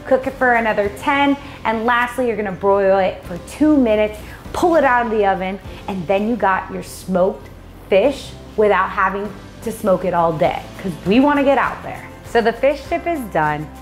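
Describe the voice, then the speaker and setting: A woman in her thirties co-hosts a vlog from her home kitchen, cheerfully walking viewers through a recipe step by step with small jokes and casual chat. Her medium-pitched voice is animated and upbeat at a normal speed, with a roomy sound and faint music behind her.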